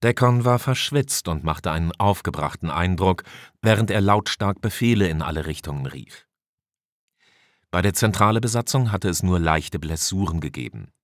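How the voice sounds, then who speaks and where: A man reading a science fiction audiobook in an even, measured storytelling voice. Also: sits low, no echo, clean studio sound. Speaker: audiobook narrator. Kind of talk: scripted narration.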